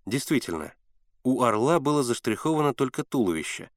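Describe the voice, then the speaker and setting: Male audiobook narrator, lively storyteller, dry booth sound. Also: medium pitch, brisk, dry recording. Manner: expressive, animated storytelling. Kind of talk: audiobook reading.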